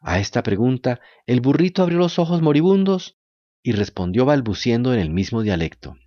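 A man narrating a children's storybook with expressive, dramatic delivery. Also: medium pitch, moderate pace, dry recording, muffled recording. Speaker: reader and narrator. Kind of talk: storybook reading.

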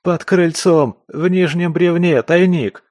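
A man voicing a frightened, hoarse young backwoods dealer who pleads and squeals in panic. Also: fairly high pitch, animated, unhurried, darkish tone, dry recording, voice pushed up. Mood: panicked.

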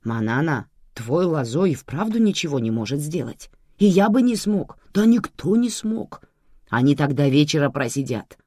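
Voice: mid-range voice, very animated, normal speed, a little mellow, no echo, studio quality. A reader voicing a melodramatic older man who pleads and complains in an audiobook. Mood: sly. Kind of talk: audiobook character voice.

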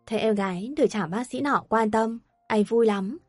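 A woman narrating a scripted audio story in a steady, even manner. Her voice sits fairly high, and it is recorded dry and close. Faint music plays underneath. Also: normal speed, no room sound.

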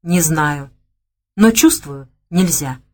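Audiobook man, read by a woman: earnest, hesitant amnesiac youth, low-set voice. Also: lively intonation, slow, full character voice. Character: young man with lost memory, quiet, sincere.

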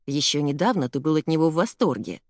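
A grumpy, mocking boy who grumbles his lines, as a woman puts him on in a storybook reading. The pitch sits on the low side, and the recording is dry and close. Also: lively intonation, fast, no room sound. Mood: grumbling.

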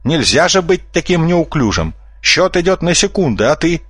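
A man's voice: a little high, big pitch swings, normal speed, a bit bright, dry recording, voice pushed up, full character voice. A man doing a sly, bossy fox swindler. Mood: commanding. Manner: brash, bossy, smooth-talking. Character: sly red-haired male fox swindler.

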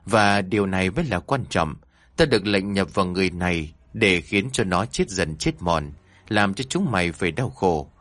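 Man doing a gruff, gluttonous possessing demon. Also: animated, fairly bright tone, no echo. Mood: gloating. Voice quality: deep gruff voice. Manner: slow, spiteful and menacing. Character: gluttonous evil spirit possessing a pregnant woman.

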